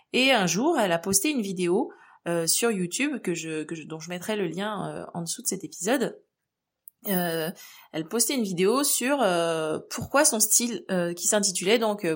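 A young woman from France hosting a solo podcast, talking in a relaxed, conversational way with frequent fillers. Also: medium pitch. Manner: conversational, many fillers and restarts. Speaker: podcast host.

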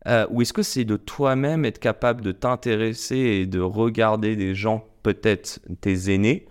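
A man's voice: on the low side, fairly even intonation, measured pace, smooth. A young man hosting an interview podcast, asking chatty, probing questions. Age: young adult. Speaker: podcast host.

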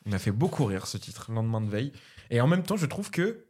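A man with a medium-pitched voice hosts a podcast in a relaxed, casual tone. He is lively and jokey, and he keeps the exchange with his guest light. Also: slightly rough. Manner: lively, jokey, quick to laugh. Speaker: podcast host.

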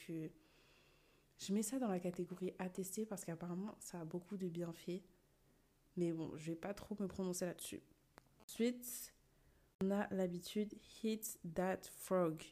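A woman's voice: lowish voice, mellow. A young woman hosting a podcast, talking casually and expressively to her listeners, tossing in English words. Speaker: podcast host. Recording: poor sound quality.

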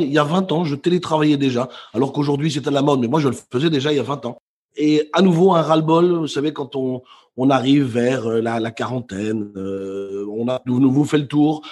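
A man's voice: mid-range voice, husky. A middle-aged man from Belgium, a professional speaker, recounting his career in a podcast interview with frequent hesitations. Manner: animated storyteller with frequent hesitations. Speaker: guest speaker. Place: remote call from home.

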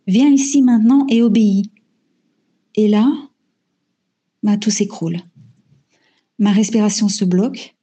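A woman's voice: mid-range voice, mellow, slightly rough. A woman telling her own story in the first person, speaking hesitantly with frequent fillers and repeated words. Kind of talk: first-person spoken testimony. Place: lives in Belgium.

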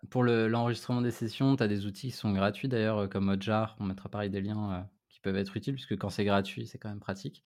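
A man hosting a podcast, asking questions in a relaxed way with dry humor. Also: on the low side, quick pace, few pauses. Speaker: podcast host. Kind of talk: casual podcast interviewing.

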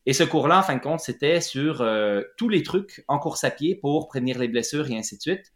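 A man's voice: fairly high pitch, expressive, normal speed. A middle-aged man with a Quebec French accent, telling his story as an interview guest, hesitant with many fillers and restarts. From Quebec, Lac-Saint-Jean. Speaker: guest, running clinic founder. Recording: roomy echoey room.

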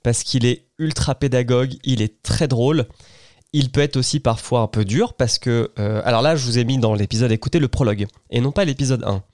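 A man's voice: medium pitch, brisk, a little mellow, no echo, studio quality. A man hosting his own podcast, chatting enthusiastically about a show he recommends, with plenty of fillers and restarts. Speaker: podcast host.

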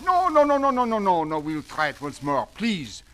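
An actor playing a florid, melodramatic French drama director with a French accent, in vintage radio comedy style. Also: male voice, high-pitched, very animated, moderate pace, music in the background. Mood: suave. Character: pompous, theatrical male French drama director.

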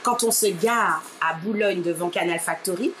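Lively storytelling woman from Martinique. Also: fairly low pitch, moderate pace, soft background music. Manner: expressive, acts out quoted people, keeps saying "ma chère". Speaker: interview guest, radio presenter. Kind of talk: animated personal storytelling. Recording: steady background noise.

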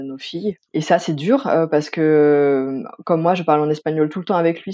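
A woman's voice: low-pitched, mellow. A woman in her thirties, a guest chatting casually in an interview, hesitant with many fillers and restarts.

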